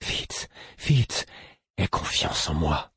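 A man reading an audiobook, voicing a gentle male jester who speaks slowly and coaxingly as he tends to someone. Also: no room sound, clean studio sound, close to an everyday voice. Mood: pleading.

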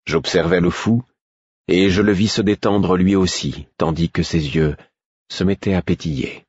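Male audiobook narrator, measured steady reading, very deep voice, husky, dry sound. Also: dry recording, dull audio. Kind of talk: scripted first-person narration.

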